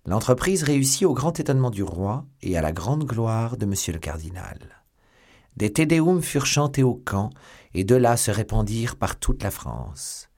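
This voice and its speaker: A man narrating a classic novel as an audiobook, with expressive storytelling that swells at dramatic moments. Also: mid-range voice.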